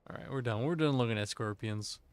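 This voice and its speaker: A man's voice: medium pitch, fairly quick, clean tone, dry recording. A man streaming an online game with friends, chatting casually in a playful, jokey, self-teasing way into a desk microphone. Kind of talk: casual gaming chat.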